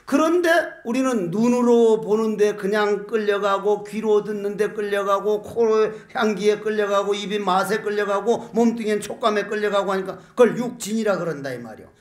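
Older monk, high-pitched man, folksy joking sermon delivery, echoey hall. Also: normal speed, few pauses. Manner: folksy, joking storyteller with rhetorical questions. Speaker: Buddhist monk giving a dharma talk.

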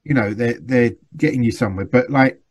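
A man's voice: mid-range voice, a little fast, darkish tone, highs cut off. A middle-aged man, a guest actor chatting casually and laughing often at himself. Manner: self-deprecating, laughs often while talking. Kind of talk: casual chat.

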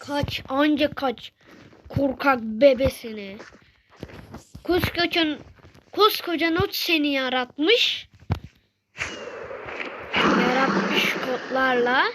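A woman giving casual gameplay commentary, excitable and taunting, calling out to in-game enemies in slangy trash talk. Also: high-pitched, slow pace, long pauses, heavy background noise. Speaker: gaming channel host.

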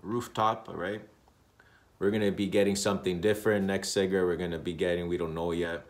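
Low-pitched man, thirties, rambling casual vlog talk, webcam in a room. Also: a little fast. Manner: rambling, repetitive, relaxed, with many uhs. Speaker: smoking vlogger. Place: indoor room.

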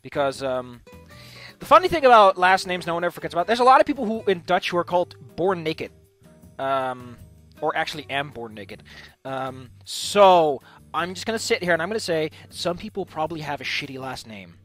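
Man, bright voice, lively swings in pitch, playful tabletop host, casual rambling, thinking aloud. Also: brisk, faint music behind. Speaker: host of a tabletop character-building show. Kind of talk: casual rambling commentary while building a game character.

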